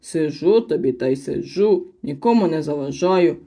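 A woman's voice: sits low, expressive, normal speed, dark tone. A woman voicing a grumpy, self-important elderly male muskrat who grumbles peevishly. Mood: grumbling.

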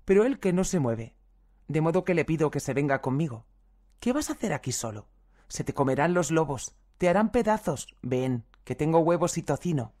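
A reader giving a calm, measured audiobook reading of first-person testimonies, reading the translator's footnotes aloud as well. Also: mid-range voice.

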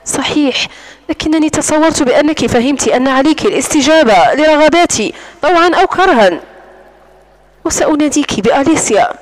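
A woman's voice: high voice, expressive, fairly quick, poor audio. A woman reading the part of a mocking, domineering wealthy Greek man in an audiobook, in a cold and controlling manner. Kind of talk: audiobook narration.

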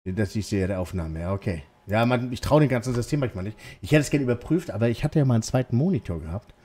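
A man's voice: medium pitch, lively intonation, quick pace, mellow. A man giving rambling, joking let's play commentary at home, talking back to the game. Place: at home, lawnmower outside.

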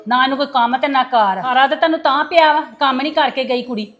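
A woman's voice: high voice, fast talker, a bit bright, lo-fi sound. A woman playing an older, bitter mother-in-law in a family web drama who scolds and taunts. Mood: scolding.

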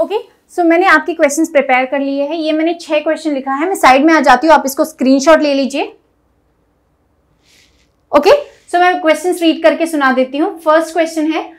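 A woman grammar teacher, explaining to viewers and reading example sentences slowly and deliberately. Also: high-pitched, a bit bright. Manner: reads English examples slowly and deliberately, mixing Hindi and English. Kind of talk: classroom-style lesson explaining to viewers.

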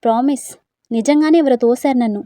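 Quarrelsome young woman, raised accusing voice, voiced by a female narrator, warm and dry. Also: sits high, fairly quick, no echo, pitched above the performer's own voice, lightly acted.

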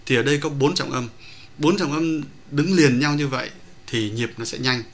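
A man lecturing as a pronunciation teacher, explaining point by point in a measured way with occasional hesitations. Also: mid-range voice.

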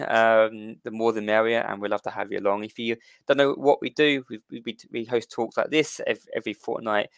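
A man's voice: medium pitch, a bit bright, dry recording. A man hosting an online history talk, chatty, often repeating words and restarting as he welcomes people. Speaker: host.

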